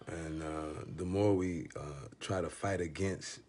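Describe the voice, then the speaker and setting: A man with a very low, deep voice talks about faith to one listener in a loose, unscripted way. He stops and restarts his sentences and leans on "you know" over and over. He uses plain street-flavored phrasing and chuckles through his stories. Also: darkish tone, a little hiss or hum. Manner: rambling and halting, with constant "you know" fillers. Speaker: speaker giving spiritual encouragement. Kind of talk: casual faith talk addressed to one listener.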